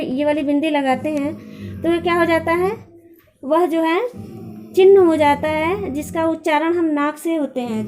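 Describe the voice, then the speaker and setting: A woman's voice: high-pitched, darkish tone. A woman teacher explaining a grammar lesson patiently, asking questions aloud and answering them herself.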